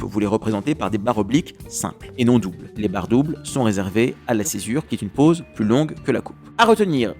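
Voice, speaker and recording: A man teaching poetry for an exam, with a voice of middling pitch. He talks with lively energy and chants verse out loud, tapping out each beat. Faint music plays under his voice. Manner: lively, scans verse aloud, counting beats. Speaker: French literature teacher. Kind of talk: exam-prep lesson on verse rhythm.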